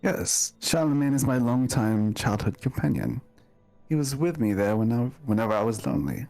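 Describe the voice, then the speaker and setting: A man playing a polite, awkward lordly gentleman in a tabletop game, with formal, hesitant, courteous phrasing. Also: mid-range voice, lively intonation, normal speed, gravelly, faint music behind.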